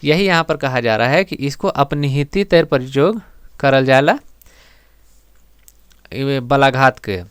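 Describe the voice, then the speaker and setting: A man teaching an exam-prep grammar lesson, explaining step by step and repeating words slowly for emphasis. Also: medium pitch, lively intonation, a bit bright, clean tone, dry recording, studio quality.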